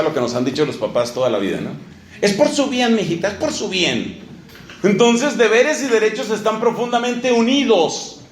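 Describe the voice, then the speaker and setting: A man delivers a sermon in a bright, high voice that rises sharply on emphatic words and sinks low for asides. He acts out small exchanges in changed voices. The recording sits in a reverberant room with faint background noise. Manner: animated, swings between loud emphasis and low asides; acts out little dialogues in different voices. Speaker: preacher.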